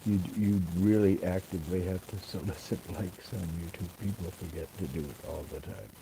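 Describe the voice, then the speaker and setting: Calm older man through a distorting headset mic. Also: low-pitched, moderate pace, vocal fry, a little hiss or hum. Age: 70s. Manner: calm, musing. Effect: fuzzy audio distortion from a cheap headset mic. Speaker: livestreamer. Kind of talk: rambling live-stream chat. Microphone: cheap headset mic.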